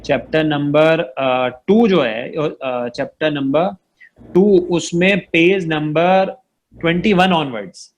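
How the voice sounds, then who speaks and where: A man teaching an online Arabic recitation class, patiently drilling letter sounds over and over and often checking that his students follow. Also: fairly high pitch. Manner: patient, drills sounds by repeating them, keeps checking understanding.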